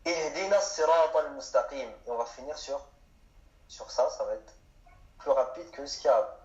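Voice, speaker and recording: A man's voice: mid-range voice, moderate pace, darkish tone. A man giving an explanatory lesson on grammar, asking questions and answering them himself. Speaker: Arabic teacher. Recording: echoey room, dull sound.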